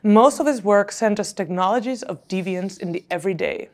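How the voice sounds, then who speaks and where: A woman hosting a symposium, introducing the next speaker in a relaxed way with some hesitant uhs. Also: mid-range voice, fairly quick. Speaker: symposium host.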